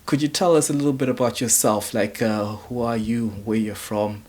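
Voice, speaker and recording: A male host asks a guest about her background in a casual interview. His voice sits at an ordinary pitch. He pauses often, fills gaps with uhs and restarts his questions. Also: darkish tone. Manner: halting, many uhs and mm-hmms.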